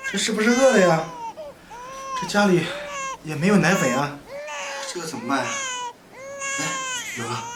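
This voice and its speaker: An actor playing a kind-hearted young man raising a foundling, speaking earnestly with many fillers. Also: on the high side. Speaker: single father. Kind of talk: short web drama acting. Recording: echoey room with loud background noise.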